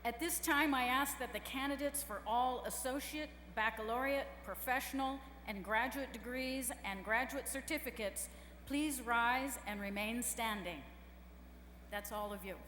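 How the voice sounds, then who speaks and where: A woman gives a formal podium speech as a university official. Her voice sits somewhat high. It rings through a very echoey hall with a faint hum of noise behind it. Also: moderate pace, a bit bright. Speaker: university administrator presenting graduates. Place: large hall over a PA system.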